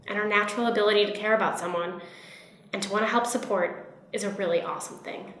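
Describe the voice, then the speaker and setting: A woman giving peer support training in a gentle, encouraging instructional tone. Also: on the high side. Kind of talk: instructional narration. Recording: roomy echo.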